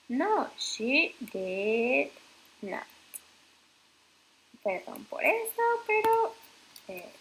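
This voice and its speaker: A woman teaching English grammar in Spanish, explaining slowly and patiently, with frequent fillers and self-corrections. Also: on the high side, vocal fry, a little hiss or hum, poor audio.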